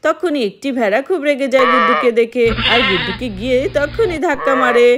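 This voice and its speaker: A woman's voice: high-pitched, lively intonation, a little fast, very noisy. A woman narrating a doll-play story for children in a plain, simple way.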